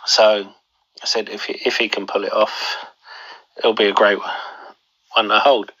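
A man talks through stock market opinions in a low voice with a forceful, sharp edge. He has a cold, and his sore throat makes him sound thick and swollen-tonsiled. The delivery is informal and halting, broken into short phrases. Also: little pitch movement, highs cut off. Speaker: host of a money show.

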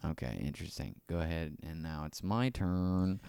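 Low male voice, frat-bro manner, jokey, casual podcast banter, swears freely, dry close sound. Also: moderate pace, gravelly, dark tone, clear, resonant tone, no room sound. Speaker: podcast host.

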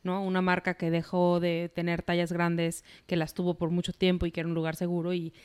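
A woman's voice: lowish voice, monotone, fairly quick, a little mellow, clear, resonant tone. A woman hosting a podcast, an engaged, affirming interviewer who relates her own experiences. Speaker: podcast host, psychologist. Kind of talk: casual podcast conversation.

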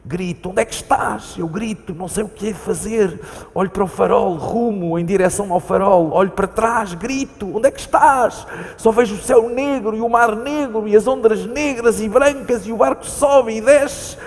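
Live in a reverberant theatre hall, an actor with a European Portuguese accent reads the part of a frightened man at sea seeking his lost companion. His voice sits high with a darkish tone at a moderate pace, urgent, pleading and repetitive in a haunted recounting.

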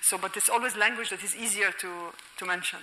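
A woman's voice: medium pitch, steady tone, fast, pushed and bright, slight background noise, low-quality recording. A woman with an Egyptian accent, a writer and professor speaking as a guest in a conversational interview. She laughs often and talks with many fillers and restarts.

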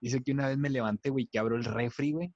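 A man's voice: medium pitch, steady tone, fast talker, darkish tone, dry recording, muffled recording. A man with a Mexican Spanish accent, telling a jokey anecdote in slangy, casual chat. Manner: jokey, slangy, eager to tell the tale.

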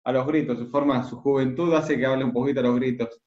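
A man's voice: mid-range voice, fairly even intonation, fast, roomy sound, dull audio, slight background noise. A man with a Rioplatense Spanish accent, a guest in a casual interview who speaks in a confident, matter-of-fact way.

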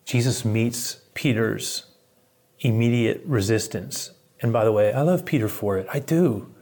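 A male pastor preaching in an animated storytelling manner and chuckling often. His voice is husky, mid-pitched, and unhurried. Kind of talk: sermon.

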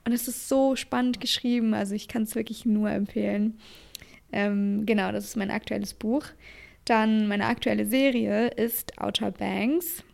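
A woman's voice: mid-range voice, steady tone, normal speed, vocal fry, darkish tone. A young woman co-hosting a podcast in casual chat, talking eagerly and gushingly, dropping in casual English words. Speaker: podcast co-host.

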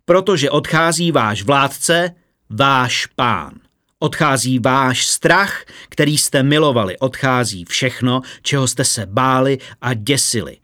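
A man voicing a commanding condemned prisoner who speaks slowly and solemnly to a crowd, unshaken by blows, in an audiobook. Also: animated, bright, forceful tone. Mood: proclaiming. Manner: slow, solemn, booming proclamation. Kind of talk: audiobook character voice.

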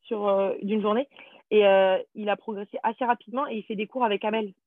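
A woman's voice: mid-range voice, fairly even intonation, brisk. A woman talks in French in a loose, chatty way, full of fillers and little stories. Her voice comes through thin and tinny, like a phone line. The sound is dry, with no room echo. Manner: chatty, storytelling, many fillers. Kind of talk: casual chat.

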